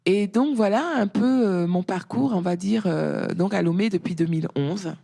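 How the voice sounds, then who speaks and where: A middle-aged woman guest talking casually in an interview, a lively storyteller whose voice rises when she quotes others. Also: medium pitch, moderate pace, creaky. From France.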